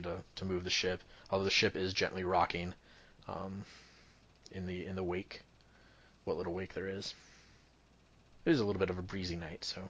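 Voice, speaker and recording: A man's voice: low voice, a bit bright. A young man running a tabletop game as dungeon master, describing scenes in a loose, rambling way with many ums and restarts.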